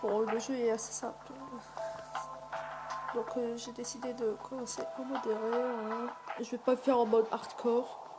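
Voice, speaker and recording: A woman's voice: on the high side, level tone, moderate pace, low-quality recording. A woman casually commenting on a video game, hesitant, with many fillers and mild swearing. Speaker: gaming video host. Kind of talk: casual let's play commentary. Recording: loud music behind the voice. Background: loud background music.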